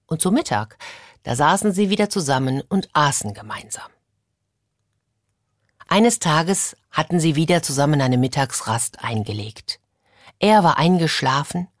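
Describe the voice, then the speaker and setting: A woman telling a fairy tale for children in an expressive, dramatic storytelling manner. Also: deep voice, no room sound, studio quality.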